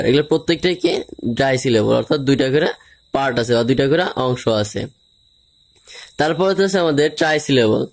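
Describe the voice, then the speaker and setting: A man teaching English grammar in an informal classroom style, explaining slowly and spelling words out letter by letter. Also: mid-range voice.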